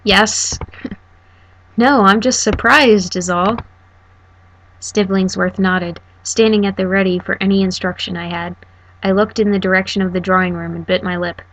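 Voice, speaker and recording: A woman streamer reading a story game aloud as the heroine, breaking off for animated, sarcastic commentary. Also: mid-range voice, moderate pace.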